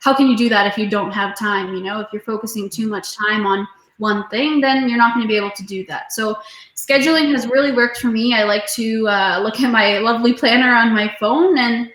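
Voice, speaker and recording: A woman's voice: on the high side, a little fast, a bit bright. A woman in her twenties, a music teacher who runs her own studio, talking earnestly and motivationally in a casual video interview, with frequent fillers. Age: 20s. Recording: roomy echo.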